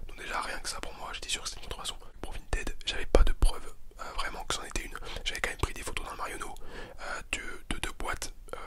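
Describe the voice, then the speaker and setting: Man whispering quick ASMR chat. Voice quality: breathy unvoiced whisper. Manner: repeats words and phrases softly. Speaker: ASMR video host. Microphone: close handheld-style stereo recorder.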